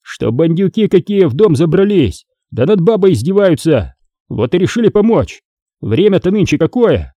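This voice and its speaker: A hot-tempered squad fighter in an audiobook, as a male narrator plays him, barking curt retorts above the reading voice. The tone stays dark and husky. The recording is close and dry. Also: high-pitched, big pitch swings, moderate pace, no room sound, voice pushed up. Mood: irritated.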